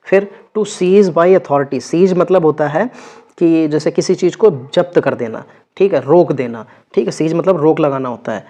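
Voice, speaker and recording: A man's voice: fairly high pitch, unhurried, mellow. A man teaching an exam vocabulary lesson, going over word meanings and checking in with his students after each one. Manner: repeats words with frequent check-ins.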